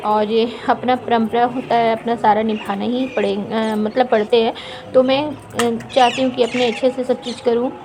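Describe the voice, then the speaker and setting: A woman vlogger narrating her video in a fast, chatty voice-over, with frequent fillers. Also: a little high, little pitch movement, noisy background. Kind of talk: casual vlog voice-over.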